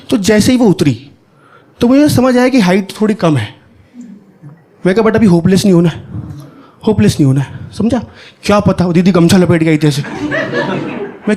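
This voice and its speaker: High-voiced young man doing stand-up. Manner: animated, conversational storytelling with asides to the audience. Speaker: stand-up comedian. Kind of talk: stand-up comedy storytelling. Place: comedy stage with live audience. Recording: live show with crowd laughing. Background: audience laughter.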